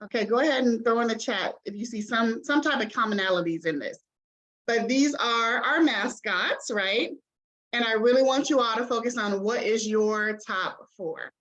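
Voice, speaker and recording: A woman's voice: fairly high pitch, moderate pace, a bit bright, dull audio. A woman admissions representative giving an online information session over a video call, chatty and encouraging, with many ums and okays.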